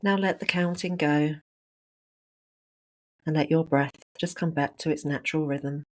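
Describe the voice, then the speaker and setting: An instructor leading a guided breathing meditation, speaking calmly in short, unhurried phrases. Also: mid-range voice.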